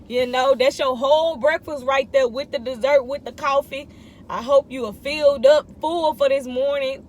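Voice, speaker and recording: A woman in her thirties with a high voice delivers a casual morning devotional. She speaks emphatically and repeats short phrases to drive her encouragement home. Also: slight background noise. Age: 30s. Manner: emphatic, repetitive exhortation in informal speech. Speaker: vlogger giving morning encouragement.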